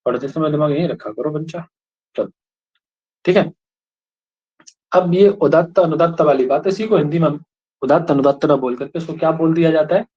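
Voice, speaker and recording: Guy teaching a class, always asking students if they got it, kinda husky, muffled low-fi audio. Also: normal speed, pauses often. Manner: keeps questioning students and checking they understand. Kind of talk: classroom lecture. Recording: dull lo-fi recording.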